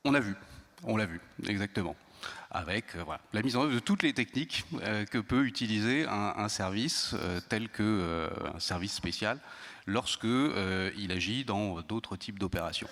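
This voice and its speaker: A man speaking on a conference round-table panel, measured and hesitant, with frequent pauses and restarts. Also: on the low side, lively intonation, a bit bright. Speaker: intelligence service panelist. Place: conference hall. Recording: long hall reverb.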